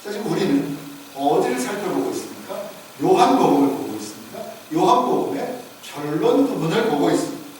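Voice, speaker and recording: Male pastor, sermon delivery, lively questions to the pews; distant mic in a reverberant sanctuary, faint hiss. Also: a little high, a little fast. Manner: asks the congregation questions and acts out disciples' voices. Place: church sanctuary. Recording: echoey church recording from far off, faint noise.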